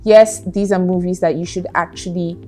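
A woman co-hosting a casual film review, lively and teasing with quick interjections. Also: fairly low pitch, soft background music. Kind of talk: casual movie review chat.

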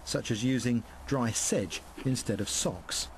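A man narrating a documentary in a calm, measured, scripted way. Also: mid-range voice, slight background noise. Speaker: presenter narrating.

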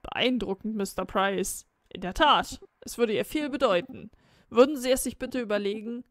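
A woman's voice: a little high, normal speed, no echo, lightly acted. A woman voicing a formal, polite man calling from a nursing home in a game reading.

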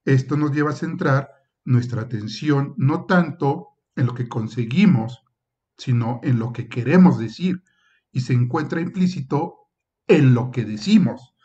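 An even, mid-pitched male professor lectures at a university, explaining each point in turn and filling gaps with hesitant "eh" and "este." He periodically performs short example dialogues. The recording quality is muffled and lo-fi.

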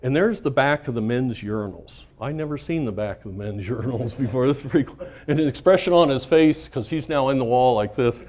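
A middle-aged man spinning workplace anecdotes at a conference, his voice sitting at an ordinary middle pitch. He talks casually and swears freely, laughing at his own stories. He keeps tossing "right?" to the crowd. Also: fairly quick, few pauses, a little mellow. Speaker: conference speaker. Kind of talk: storytelling talk to a live audience.

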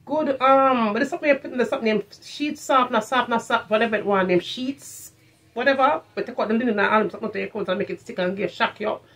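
Her voice fairly high and fairly bright, the middle-aged Jamaican vlogger talks quickly while reviewing products from her haul. She speaks casually to camera in a furnished room at home, mixing in patois and repeating phrases for emphasis.

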